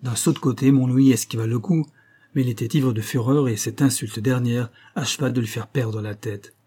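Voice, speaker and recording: A man narrating a classic novel as an audiobook, in a measured, dramatic storytelling manner. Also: medium pitch, mellow, husky.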